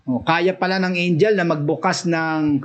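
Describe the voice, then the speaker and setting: A Filipino-accented man delivers a Bible study sermon, mixing Tagalog and English as he reads verses aloud and explains them in rising, emphatic bursts. His voice is fairly high, with fairly even intonation and a normal pace.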